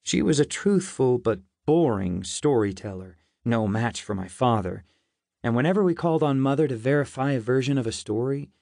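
A man reading a novel aloud in first person, in a measured and reflective way. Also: mid-range voice, lively intonation, creaky, a little mellow, dry recording, clean studio sound. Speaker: audiobook narrator. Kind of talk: scripted first-person narration.

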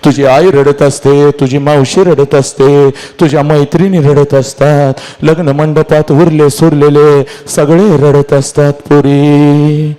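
A man's voice: a little high, little pitch movement, takes it slowly, few pauses, dark tone, smooth. A middle-aged man giving an emotional motivational lecture to a large audience, dramatic and repeating his phrases as he speaks straight to his listeners.

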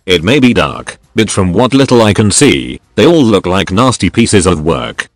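A man's voice: deep voice, very animated, moderate pace, dry recording. A man reading informal first-person stories aloud as a scripted dramatic narration. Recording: music behind the voice. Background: music.

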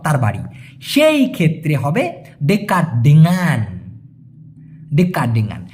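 A man from Bangladesh teaches vocabulary to viewers in a casual, friendly lesson. His pitch rises and falls a lot as he talks. He says each word slowly and more than once so listeners can copy it. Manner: repeats words slowly for pronunciation, addresses viewers as brother. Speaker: language teacher. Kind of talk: casual spoken language lesson.

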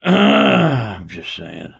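A gravelly, husky man in his fifties talks at a medium pitch, stretching out his words as he shows off a comic auction win at home. He rambles in a relaxed way, full of "uh" fillers and easygoing slang like "man" and "I can dig it." The room has comic art on the walls, and the home camera audio sounds dull and lo-fi.

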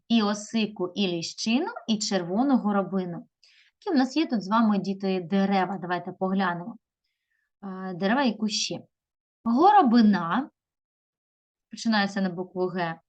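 A woman teaching a video lesson to young pupils, drawing words out slowly and calling them children. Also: mid-range voice, lo-fi sound. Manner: slow, drawn-out stressing of words; addresses pupils warmly as children. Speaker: primary school teacher.

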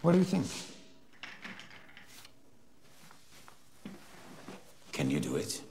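A sneering, gravelly misogynist boss. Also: male voice, on the low side, wildly swooping pitch, quick pace, heavily acted. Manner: sneering, berating, swings from hissed whispers to shouts. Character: contemptuous misogynist male boss, middle-aged. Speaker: boss interviewing a secretary.

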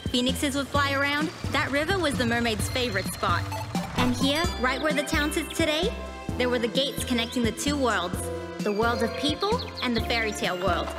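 A woman's voice: sits high, normal speed, lightly acted. A woman voicing a bossy, centuries-old cartoon witch who talks in a brusque, commanding, theatrical way. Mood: storytelling. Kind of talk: animated cartoon voice acting. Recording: loud music under the voice.

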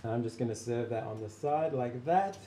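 A man working as a chef, calmly explaining how he made a cream to serve with a cake. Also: mid-range voice, brisk, slight background noise. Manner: relaxed, plain step-by-step explaining. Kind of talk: explaining a recipe.

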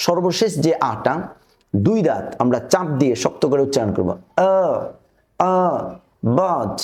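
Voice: medium pitch, sing-song, fairly quick, darkish tone. A teacher from Bangladesh gives a phonetics lesson, saying each vowel sound twice and drilling example words. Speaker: pronunciation teacher.

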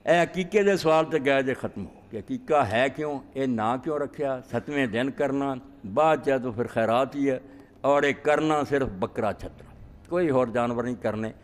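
A man's voice: mid-range voice, moderate pace. A man giving a religious lecture as a cleric, answering questions with emphatic, scolding rhetorical questions. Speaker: Islamic cleric. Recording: long hall reverb.

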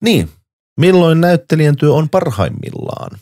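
Man asking short questions, lively pitch. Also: dry recording, clean studio sound. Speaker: podcast host, interviewer. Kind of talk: casual interview questions.

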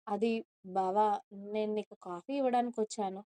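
A woman's voice: medium pitch, steady tone, moderate pace, mellow, clear, resonant tone, close to an everyday voice. A woman doing a playful, nervous young woman. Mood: chatty. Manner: chatty, pleading, stammering when caught.

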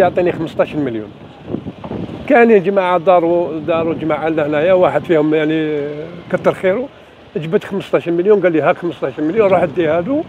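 An older Algerian man tells his grievance in an agitated, repetitive way. He speaks quickly in a high voice for a man. The phone recording is dull, with clear street noise around him. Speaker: member of the public telling his grievance. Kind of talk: spontaneous spoken account to camera. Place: outdoors on a city street.

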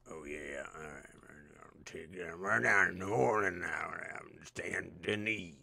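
Man streaming a game in a slow, gruff put-on cowboy voice, with a sharp edge to it. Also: sits low. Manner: swearing, exclaiming at the game. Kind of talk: casual gameplay commentary.

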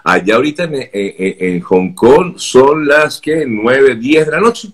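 A man's voice: mid-range voice, lively intonation, measured pace. A Venezuelan journalist in his fifties with a Venezuelan accent, hosting an interview over a video call, hesitating with fillers and repeated words before his questions. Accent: Venezuelan Spanish. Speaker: journalist host.

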